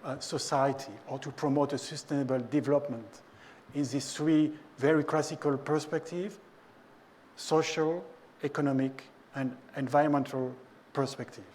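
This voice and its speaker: A man's voice: medium pitch, a little mellow, slight background noise. A middle-aged man with a French accent, a native French speaker, giving a prepared talk with frequent halts and restarts. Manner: halting, with restarts and slips. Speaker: ethics speaker.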